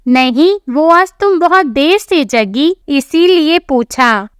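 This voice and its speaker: Woman doing a caring mother-in-law in a story, mild and slow. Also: sits high, animated, dry recording, studio quality. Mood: concerned. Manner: concerned, mild. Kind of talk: storybook narration.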